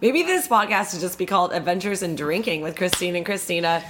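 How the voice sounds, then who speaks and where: A woman's voice: on the low side, a little fast, a bit bright, slight background noise. A woman co-hosting a casual podcast, chatty, laughing often and swearing now and then. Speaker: podcast co-host. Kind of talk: casual chat.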